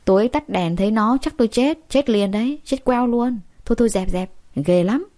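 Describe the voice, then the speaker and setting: A woman's voice: a little high, normal speed, dark tone, lightly acted. A woman voicing a scornful rich young man who mocks a plain girl, rude and sneering.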